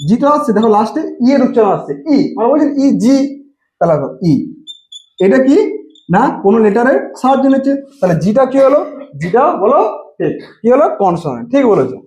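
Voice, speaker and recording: A man's voice: very high-pitched, a little mellow. A male trainee teacher giving a demo lesson, asking questions and repeating letter sounds. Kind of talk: demo lesson to an imagined class. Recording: echoey room.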